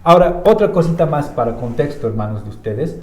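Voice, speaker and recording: A man's voice: a little high, very animated, fairly quick. A man with a Bolivian Spanish accent, teaching about the Bible in a conversational way, with many filler tags and restarts. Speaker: church teacher. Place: church room. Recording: roomy echo.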